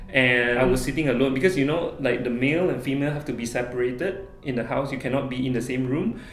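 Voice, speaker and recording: A man's voice: medium pitch, reverberant. A young man from Malaysia answering viewer questions in a casual, friendly vlog. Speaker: travel vlogger. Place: small office room.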